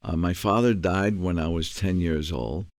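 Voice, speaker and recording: A man's voice: low voice, moderate pace, no echo. A man in his eighties from New York's South Bronx, telling his life story emphatically in an interview, often repeating words and checking in with "okay". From South Bronx, New York. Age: 80s. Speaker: guest, entrepreneur.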